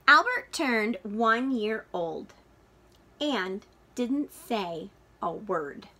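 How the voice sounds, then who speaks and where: Reading a picture book for young listeners, a woman with a slightly high voice takes on a teacher's manner. She phrases things dramatically, deliberately and expressively.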